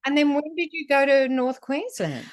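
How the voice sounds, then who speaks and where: A woman's voice: high voice, expressive, moderate pace. A woman in her seventies from country New South Wales with an Australian accent, chatting as an interview guest. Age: 70s. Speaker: guest, theatre-maker. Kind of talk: conversational interview.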